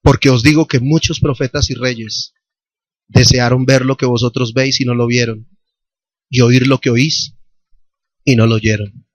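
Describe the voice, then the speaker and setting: A man's voice: mid-range voice, no room sound, lo-fi sound. A male pastor with a Colombian accent preaching a sermon, telling a personal story and then calling out questions to the congregation. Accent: Colombian Spanish. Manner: testimony told with quoted dialogue, rising to fervent call-and-response. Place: church hall. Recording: church recording with loud worship music.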